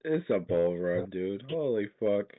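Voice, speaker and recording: A man's voice: fairly low pitch, animated, unhurried. A man in a casual group chat about trading, laughing often, swearing and exclaiming. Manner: giggly, swears a lot, exclaims. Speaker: crypto trader in group call. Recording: tinny online voice call.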